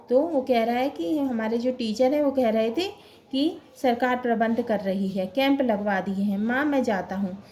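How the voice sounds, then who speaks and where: Female teacher, patient line-by-line explainer of a class play, slightly high pitch. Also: mellow. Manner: explains each line again in plain words. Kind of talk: reading and explaining a school play.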